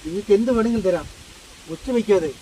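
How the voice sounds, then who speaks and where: A man's voice: high-pitched, fast talker, warm tone, a little hiss or hum, lightly acted, rough recording. An actor playing a guilty man who pleads and denies wrongdoing. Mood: pleading. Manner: pleading, defensive. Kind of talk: short film acting.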